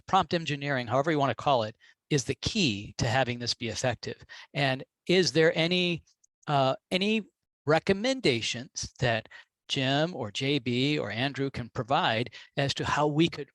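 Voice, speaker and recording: A man speaking up on a video call, hesitant and halting with frequent restarts. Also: medium pitch, fairly bright tone, dry recording, low-quality recording. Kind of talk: casual video call discussion.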